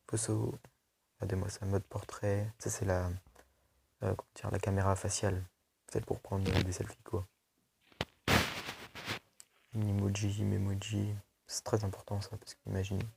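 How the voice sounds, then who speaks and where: A man's voice: on the low side, vocal fry, heavy background noise. A young man casually reviewing a tablet for his video channel, chatty and loose, full of fillers and restarts. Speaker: tech video host.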